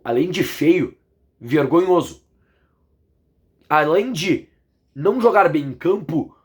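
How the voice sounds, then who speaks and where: A hoarse man with a Brazilian accent, giving an indignant, emphatic football analysis as a vlog commentator. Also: a little high.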